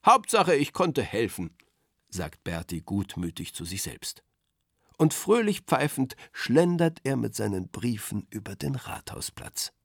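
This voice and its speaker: A man narrating a children's bedtime story in a calm, gentle way. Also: lowish voice, measured pace, vocal fry, husky, no echo, studio quality.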